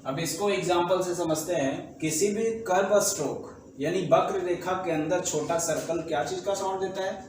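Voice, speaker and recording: A man teaching a shorthand class in Hindi, explaining rules slowly and checking whether the students have understood. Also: high voice, darkish tone. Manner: slow, repetitive explaining, asks the class checking questions. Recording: echoey room, voice from far off, faint background noise.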